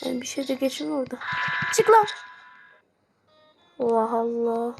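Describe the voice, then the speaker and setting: A woman giving excitable live gameplay commentary, pleading and yelling at the game. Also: a little high, quick pace, gravelly, soft background music. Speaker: gamer.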